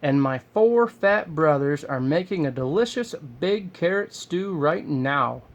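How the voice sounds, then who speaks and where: A man's voice: a little high, expressive, a little slow. A man voicing a plump little rabbit, eager and polite, while reading a storybook to a young child. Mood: inviting. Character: fat little male rabbit, eager, proud, friendly.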